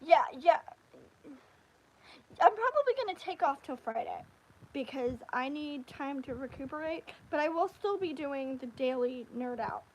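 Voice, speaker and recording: A woman hosting a casual livestream, chatting about anime in a rambling, animated way. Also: sits high, unhurried, low-quality recording. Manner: rambling, animated, with frequent restarts and fillers. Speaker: livestream host. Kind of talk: casual anime review chat.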